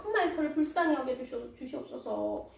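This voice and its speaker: Woman preacher doing a high, wailing male debtor in a sermon; roomy, far-off sound. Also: animated, creaky, a little mellow, a little hiss or hum. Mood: pleading. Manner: wailing, drawn-out begging. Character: desperate male debtor servant, pleading and groveling. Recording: roomy hall from a distance.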